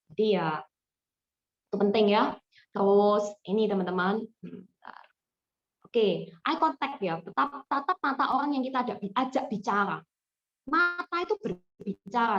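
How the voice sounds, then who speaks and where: Woman trainer on a dull call. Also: medium pitch. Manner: lively, addresses listeners warmly as friends, mixes in English words. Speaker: sales trainer. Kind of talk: online training talk.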